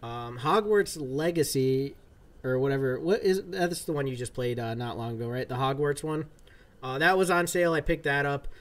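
This livestream gamer is a man in his thirties talking casually while playing from his home gaming room. He speaks at a medium pitch and moderate pace, relaxed and rambling, with many fillers.

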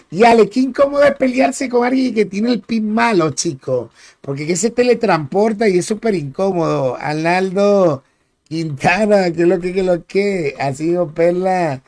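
A man's voice: high voice, unhurried, a little mellow. A young man with a Dominican Spanish accent streaming a game, casually chatting with viewers in slang and greeting them by name. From Dominican Republic. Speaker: gaming streamer. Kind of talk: live gameplay commentary chatting with viewers.

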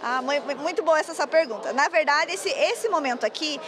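Speaking quickly in a high voice with crowd noise around her, a woman gives a live news interview at a busy indoor food fair. As an agro-industry coordinator, she fluently explains her work, occasionally tripping over words, into a handheld reporter microphone.

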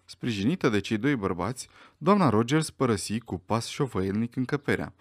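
A man narrating a mystery audiobook in an expressive, dramatic way. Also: medium pitch, no echo, studio quality.

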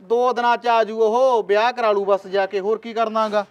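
A man's voice: high voice, little pitch movement, moderate pace, muffled recording, natural voice. A man playing a callous, greedy son-in-law who talks in a pushy, dismissive way in a village short film.

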